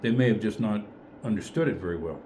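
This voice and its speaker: Mellow low-voiced man leading a Bible study. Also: animated, quick pace, slight background noise. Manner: tentative, thinking aloud, self-correcting. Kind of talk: casual group Bible study discussion.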